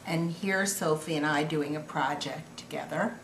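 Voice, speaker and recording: A woman's voice: low-pitched, moderate pace, fairly bright tone. An older grandmother reminiscing casually over family photos in a sweet, affectionate old-lady manner. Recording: echoey room with clear background noise.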